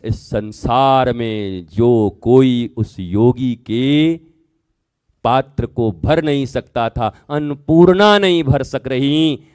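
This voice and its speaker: A man giving a Hindi spiritual sermon as a religious teacher, telling scripture stories and acting out their dialogue, with sudden loud emphatic bursts. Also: mid-range voice, slow pace, clean tone.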